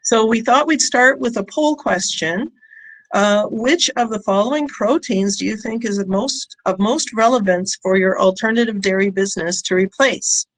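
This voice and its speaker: Woman giving a halting short presentation. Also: medium pitch, poor audio. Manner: hesitant delivery with frequent ums and pauses. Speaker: company founder and scientist presenting. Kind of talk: prepared short conference presentation. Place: online presentation with audience in chat.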